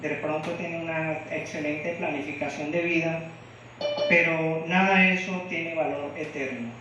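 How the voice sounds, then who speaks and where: A Venezuelan lay preacher delivers a devotional sermon in church, frequently asking the congregation questions. His voice is fairly high and steady, at normal speed, over music. The room echoes, and the distant mic gives a dull sound.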